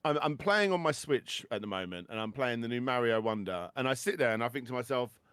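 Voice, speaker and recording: A man's voice: mid-range voice, expressive, fairly quick, a bit bright, clean tone, no room sound, clean studio sound. A man with a British accent chatting on a podcast, enthusiastic and often stammering and repeating words as he talks. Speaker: podcast host. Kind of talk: casual chat.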